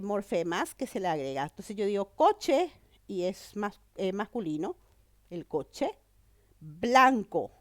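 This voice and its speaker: A woman's voice: medium pitch, no echo. Woman teaching grammar with a cold. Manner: explanatory, checks understanding with "¿verdad?" and "¿mm?". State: has a cold. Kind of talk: online grammar lesson.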